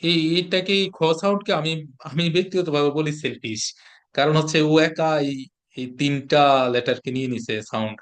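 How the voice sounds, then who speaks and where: A man from Bangladesh leads an online English pronunciation class. His voice sits a little high for a man. He drills each letter sound, repeating the example words patiently. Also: moderate pace.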